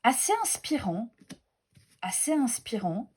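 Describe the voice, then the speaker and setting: With a fairly high, breathy, darkish voice, a woman talks slowly but animatedly while reviewing tarot and oracle decks. Her casual show-and-tell is full of gushing, self-deprecation, fillers and restarts.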